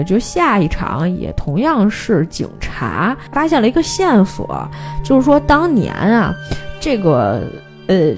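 A woman hosts a film podcast. She retells a movie plot in a casual, animated way and acts out the characters' lines. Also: mid-range voice.

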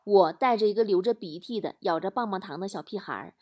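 A woman's voice: mid-range voice, fast talker, darkish tone, slight background noise. A woman talk show host telling funny stories with animation and acting out voices. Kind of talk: comedic storytelling.

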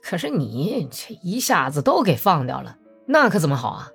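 A smooth, sly Cossack commander, performed by a woman narrator in a novel reading, coaxing his comrade along. His delivery rises and falls in a lively, persuasive way. Faint music hums underneath. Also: lowish voice, normal speed, full character voice. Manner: cajoling, persuasive.

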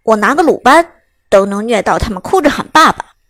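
A woman's voice: a little high, animated, moderate pace, breathy edge. A woman doing a cold, haughty college gaming ace. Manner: cool and arrogant.

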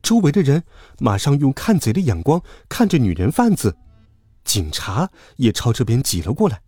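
A man narrating a children's story in an expressive, animated way. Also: medium pitch, normal speed, husky, no room sound. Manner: lively, animated. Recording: dry close recording with faint music.

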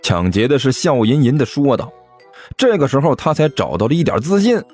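A man narrating an audiobook story in a lively, expressive way. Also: mid-range voice, brisk, husky, faint music behind.

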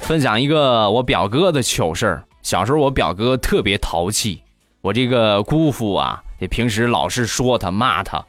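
A man hosting a comedy podcast, telling funny stories in an animated way and acting out each character. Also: lowish voice, moderate pace, no room sound, soft background music. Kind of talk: comic storytelling.

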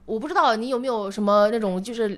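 A woman's voice: a little high, quick pace, a bit bright. A woman comedian in a casual podcast chat, telling candid stories and often laughing. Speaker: stand-up comedian guest.

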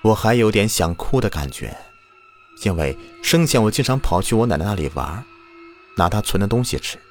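A man narrating a listener's ghost story as the show's storyteller host, acting out the shouted lines. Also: lowish voice, moderate pace. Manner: lively, acts out quoted shouts. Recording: faint music underneath.

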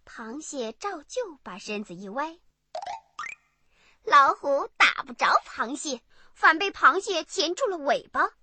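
A woman narrating a bedtime story for children in an expressive, animated way. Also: high-pitched, slow, dry recording.

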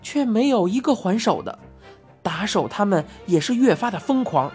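A woman narrating a children's story in an expressive, lively reading style. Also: medium pitch, normal speed, faint music behind.

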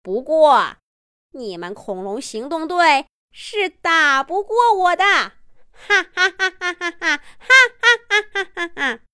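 A woman voicing a huge mutant male dinosaur, a mad scientist villain in a children's audio story, gloating with drawn-out words and cackles. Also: sits high, expressive, a bit bright, no echo, clean studio sound, voice pushed up, full character voice. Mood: smug, mocking.

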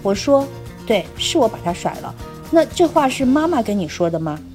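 A woman co-hosting a podcast, reading a listener's letter aloud at a steady, conversational pace. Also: on the high side, normal speed, faint music behind. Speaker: podcast co-host.

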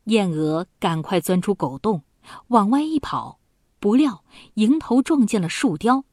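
Slow, husky woman telling a story. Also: medium pitch, no echo, studio quality. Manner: slow, expressive reading. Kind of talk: children's story narration.

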